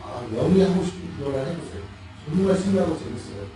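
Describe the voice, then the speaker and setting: Animated high-voiced pastor in echoey hall. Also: male voice, quick pace. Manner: animated, asks the congregation questions, laughs while mimicking. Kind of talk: sermon. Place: church sanctuary. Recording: echoey church hall, mic far off.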